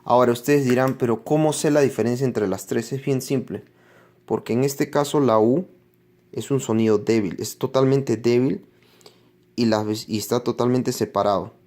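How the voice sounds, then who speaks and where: A man's voice: mid-range voice, moderate pace, mellow. A man teaching English pronunciation in a classroom-style lesson, explaining patiently and repeating each example word several times.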